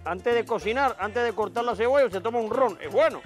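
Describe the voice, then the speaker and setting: A man's voice: very high-pitched, fairly quick, over music. A man playing a boastful, tipsy TV cook with a Venezuelan accent who swears constantly and brags about his garden. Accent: Venezuelan Spanish. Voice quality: swaggering, swears constantly, rowdy exclamations. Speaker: comic cooking-show character. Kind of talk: sketch comedy acting.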